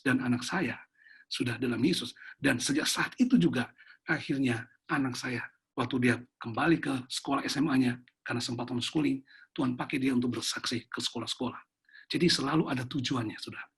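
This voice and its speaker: A man's voice: mid-range voice, husky. A middle-aged male pastor giving an earnest testimony sermon over a video call, often addressing his listeners directly. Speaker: pastor and webinar speaker.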